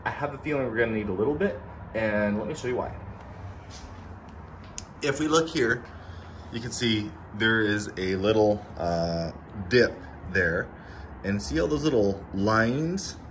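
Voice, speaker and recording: A man in his thirties gives a casual DIY tutorial with speech slightly slurred, as if numb from the dentist. His pitch moves around in a lively way and he pokes fun at himself. The recording has some garage noise around him. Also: measured pace, pauses often. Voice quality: slurred, numb-mouthed speech from dental work. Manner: self-deprecating, joking. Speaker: DIY car restoration host. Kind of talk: casual hands-on tutorial chat. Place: home garage, indoors. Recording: noisy garage ambience.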